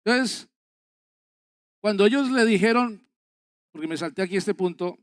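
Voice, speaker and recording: A male pastor delivers a sermon at a church service, urging his listeners on in an earnest, exhorting way and hammering home points through repetition. His voice sits high and comes across clean and resonant. The sound is dry and close, with little room echo. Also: moderate pace. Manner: earnest, exhorting, repeats phrases for emphasis.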